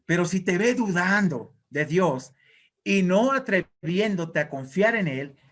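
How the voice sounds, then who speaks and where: Preaching a sermon, a male pastor exhorts his congregation, emphatically pressing his points home. His voice is fairly high for a man and fairly bright, with lively intonation and a slow pace.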